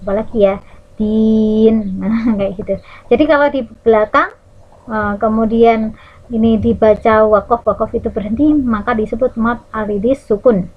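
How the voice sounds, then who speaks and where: A woman teacher with an Indonesian accent explaining Quran recitation rules to children, drawing out Arabic words slowly as she demonstrates them and checking in with her class. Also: fairly high pitch, dull audio. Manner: lively teacherly, checks in with "ya" and "nah".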